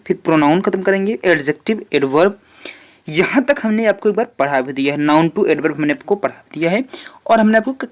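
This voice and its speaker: A man teaching an online English grammar lesson. He asks his students questions and answers them himself, repeating each key point. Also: high voice.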